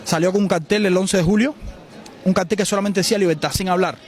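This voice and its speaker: A man in his twenties with a Cuban Spanish accent, answering a street interview outdoors in a city in a forceful, outspoken way. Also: sits high, fairly even intonation, fast talker, soft background music. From Cuba. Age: 20s.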